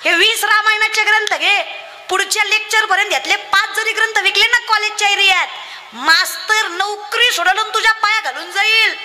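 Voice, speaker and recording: A woman's voice: very high voice, normal speed, sharp tone. A young woman preaching a rousing kirtan sermon, calling out to the crowd and acting out voices in her stories. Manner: fiery, rousing, addresses crowd directly, acts out funny voices in stories. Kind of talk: devotional kirtan sermon with storytelling.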